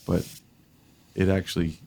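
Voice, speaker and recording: A middle-aged man co-hosting a podcast, telling stories in a lively, casual way and laughing at his own tales. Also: low voice, a little slow, vocal fry, a loud crowd. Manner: animated storyteller, laughs at own tales, many restarts. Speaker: podcast co-host. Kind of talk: casual storytelling chat.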